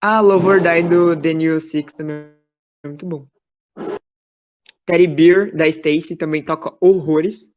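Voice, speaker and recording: Woman, slightly low, enthusiastic chatterbox, video-call audio. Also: fairly even intonation, slow, pauses often, darkish tone. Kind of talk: casual chat in an online class.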